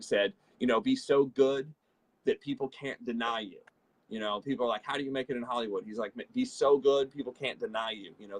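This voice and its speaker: Male motivational co-host, slightly husky, energetic, keeps mimicking the people he talks about. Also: mid-range voice, poor audio. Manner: energetic, repetitive, acts out quoted people. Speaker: show co-host, network marketing trainer. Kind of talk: motivational leadership talk.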